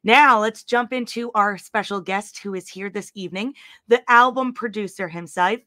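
A woman hosting a live podcast interview, hoarse, chatty and excited, with lots of fillers and restarts. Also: mid-range voice, normal speed, dry recording, studio quality. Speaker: podcast host.

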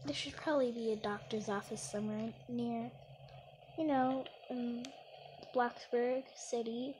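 This young woman is a gamer chatting casually as she plays a roleplay game, narrating each thing she does. Her voice is fairly high with fairly even intonation, a little slow, and there's background noise.

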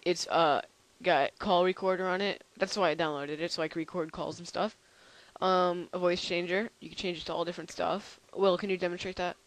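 A tired young man hosting a casual software demo, rambling and halting with lots of fillers. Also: sits high, steady tone, low-quality recording. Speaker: channel host.

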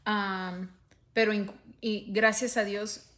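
A woman's voice: mid-range voice, little pitch movement, slow pace, a bit bright. A woman in her thirties chatting casually on a livestream from a couch at home, switching between Spanish and English, filmed on a phone held at arm's length. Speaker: livestream host. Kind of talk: casual bilingual chat.

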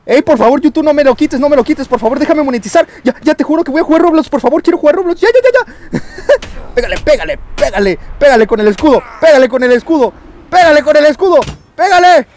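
A very high-voiced Mexican man narrates his gameplay with wild, leaping intonation. He taunts his foes and yells at the screen, with a faint hiss underneath. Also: sing-song, fast talker. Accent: Mexican Spanish. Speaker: gaming YouTuber. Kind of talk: excited gameplay commentary.

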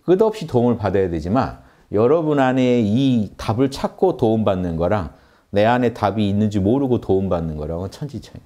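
Male meditation teacher, low mellow voice, earnest lecturing delivery with repeated phrases. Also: lively intonation, fairly quick. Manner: earnest, repetitive, rising emphasis on key words. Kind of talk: spiritual lecture.

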